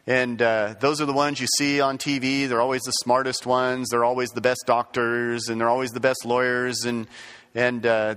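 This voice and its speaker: A man's voice: medium pitch, fairly bright tone. Rambling man teaching in an echoey room. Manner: folksy, rambling, many fillers and restarts. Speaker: Bible class teacher. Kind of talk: casual classroom lecture.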